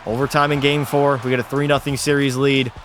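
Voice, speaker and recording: A young man hosting a gaming channel, giving play-by-play commentary and swinging from calm calls to swearing outbursts. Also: medium pitch, a little fast, slight background noise.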